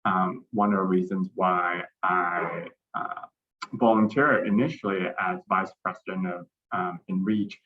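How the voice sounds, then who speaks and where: Deep-voiced man on a tinny call. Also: a little hiss or hum. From Malaysia. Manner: measured, frequent um fillers. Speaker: panelist. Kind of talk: casual self-introduction. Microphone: video call. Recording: tinny phone-like call audio.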